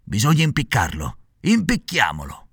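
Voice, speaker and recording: A man's voice: lowish voice, huge pitch swings, normal speed, creaky, fairly bright tone, slightly rough, no echo, clean studio sound, full character voice. A man voicing cruel male assassins with threatening, sneering lines. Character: two menacing grown male assassins, cruel.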